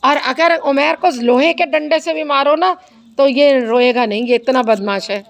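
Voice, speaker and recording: Woman, teacher, high voice, slow patient spelling, faint background noise. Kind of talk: classroom reading lesson.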